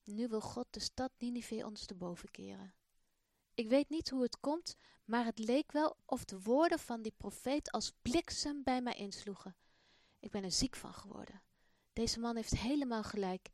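A woman voicing a sick, guilt-ridden old father in a children's Bible story, speaking haltingly. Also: on the high side, a little mellow, dry recording, clean studio sound, lightly acted. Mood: remorseful.

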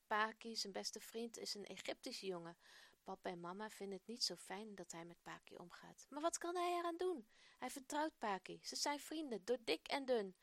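A woman storyteller reading a children's Bible story aloud in a gentle, expressive voice. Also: medium pitch, gravelly, no room sound.

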